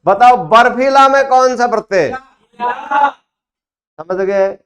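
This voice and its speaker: A man's voice: very high voice, takes it slowly, fairly bright tone. A man teaching a class, prompting students with questions in a classroom. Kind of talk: classroom grammar lesson.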